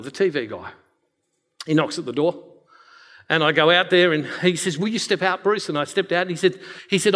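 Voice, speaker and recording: A man from Western Australia with an Australian accent, telling a story to a live audience and acting out the dialogue. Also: sits high. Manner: animated, acts out dialogue with a hushed voice for God. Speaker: speaker. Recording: long hall reverb.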